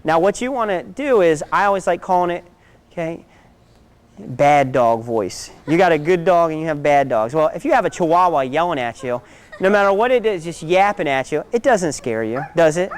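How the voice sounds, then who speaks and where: A man's voice: fairly high pitch, clean tone. A man teaching a self-defense class, giving direct instructions and often checking in with "okay?".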